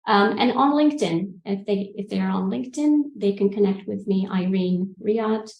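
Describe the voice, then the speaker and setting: A guest coach in her forties from Egypt and the UK answers interview questions calmly and reflectively over a video call, pausing often and hesitating with ums. Her medium-pitched voice is slightly gravelly, coming through an earbud mic. The lo-fi audio is roomy and echoey, and she's in a room with bookshelves.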